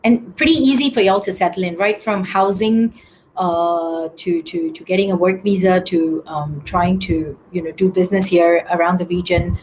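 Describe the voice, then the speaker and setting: A woman's voice: on the low side, steady tone, moderate pace, darkish tone, slight background noise, poor audio. Woman answering webinar questions. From Singapore. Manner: hesitant, many ums and restarts. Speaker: business consultant answering questions. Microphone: video call.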